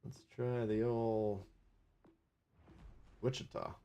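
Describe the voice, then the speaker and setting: A man with a Minnesota accent hosts a live gameplay stream in a loose, wisecracking way. He talks through his matches and answers viewer comments as they come in. His voice sits at an ordinary middle pitch. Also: moderate pace, darkish tone. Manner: chatty, wisecracking, reads viewer chat aloud. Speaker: livestream gaming host.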